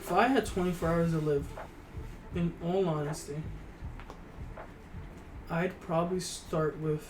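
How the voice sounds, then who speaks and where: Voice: medium pitch, fairly even intonation, unhurried, pauses often, roomy sound, background noise. A co-host in casual podcast chat, blunt and joking, swearing freely.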